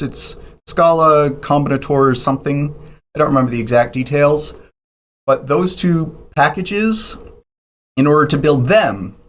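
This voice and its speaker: A man's voice: a little high, fairly bright tone. A man being interviewed on a podcast, explaining technical details at length with frequent ums and restarts. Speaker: podcast guest.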